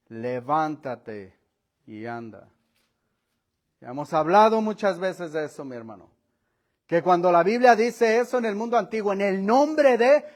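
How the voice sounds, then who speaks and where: High-voiced preacher with dramatic swings. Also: male voice. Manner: preaching with dramatic shifts in pitch and volume, acting out voices; laughs between points, addresses listeners as brother. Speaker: pastor. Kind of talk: sermon. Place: church.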